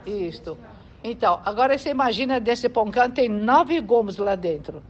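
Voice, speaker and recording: Expressive and a little high, her voice keeps a normal pace as she teaches a congregation in a relaxed, conversational manner, often pausing to ask if they agree. She's Brazilian with a Brazilian Portuguese accent, heard through dull lo-fi sound with faint background noise.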